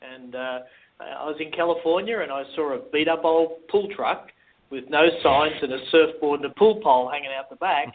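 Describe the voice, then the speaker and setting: A man's voice: on the high side, moderate pace. Founder guy on the phone, kinda hesitant, lots of uhs, tinny sound. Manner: relaxed, hesitant with many "uh"s. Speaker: franchise company founder. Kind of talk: phone interview.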